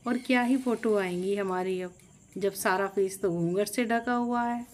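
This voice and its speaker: A woman's voice: medium pitch, moderate pace, natural voice. A woman voicing a young bride who grumbles to herself about the heat and her ruined makeup in a storybook tale. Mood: grumbling. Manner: grumbling inner complaints.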